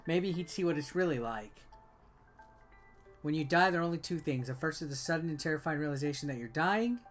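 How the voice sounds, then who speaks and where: Here a video host who reviews games talks in a high-leaning, expressive voice at a fairly quick clip. His gameplay commentary is casual and offhand, mixed with readings of on-screen game text, all over game music.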